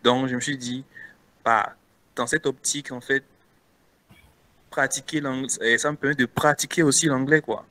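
A man's voice: medium pitch, fairly even intonation, normal speed, long pauses, pushed and bright. A man with a Beninese French accent answering interview questions casually as a guest content creator, hesitant with many restarts.

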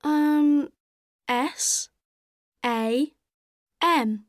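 Woman as a very slow schoolboy. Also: high voice, no echo, studio quality. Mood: polite. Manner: very slow, careful answers. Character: polite ten-year-old schoolboy. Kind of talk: stilted textbook dialogue.

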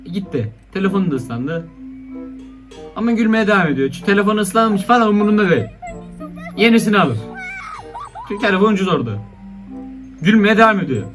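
A man's voice: sits high, lively intonation, a little fast, pauses often, fairly bright tone, faint music behind. A young man giving casual, slangy commentary on funny video clips, often laughing and exclaiming. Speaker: YouTuber reacting to funny clips.

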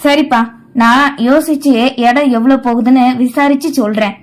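A woman's voice: sits high, normal speed, natural voice. A woman voicing an old grandfather who consoles and reassures his family in a storybook reading. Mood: consoling. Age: older. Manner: soothing, consoling. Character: old grandfather, gentle yet firm elder.

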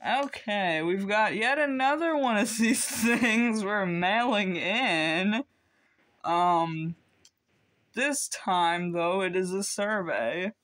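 Teen boy, unhurried unboxing chatter, hesitant and rambling. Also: high-pitched, fairly bright tone. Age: teens. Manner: rambling, hesitant, many ums. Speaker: vlogger. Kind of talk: casual unboxing chat.

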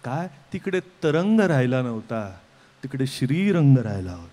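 A man giving a devotional kirtan sermon, with rhetorical questions and sudden swings from soft to loud. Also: mid-range voice, very animated, normal speed. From Mumbai, India. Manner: rhetorical, keeps asking "kay", swings between soft and loud. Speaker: kirtan preacher.

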